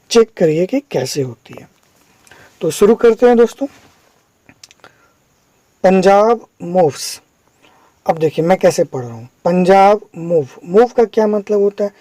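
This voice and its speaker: A man's voice: fairly high pitch, mellow, dry recording, poor audio. A man teaching English, patiently explaining each step and asking the listener if they follow. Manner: patient, checks understanding with questions. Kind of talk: explaining a lesson.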